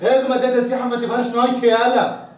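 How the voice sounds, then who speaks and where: A man's voice: very high voice, flat delivery, racing. A young man with an Egyptian Arabic accent, boasting and teasing his friend in a comedy sketch, recorded far from the mic in an echoey room.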